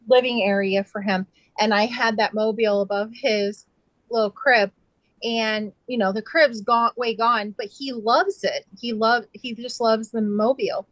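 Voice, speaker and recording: A woman's voice: fairly high pitch, no room sound, low-quality recording. A middle-aged woman chatting casually on a video call, telling rambling stories full of fillers and restarts. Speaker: quilter sharing her sewing. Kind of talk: casual chat.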